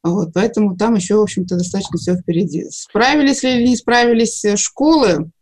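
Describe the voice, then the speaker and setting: A middle-aged woman, a teacher and mother, giving a measured, explanatory answer as a guest in a broadcast interview. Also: medium pitch, a little mellow.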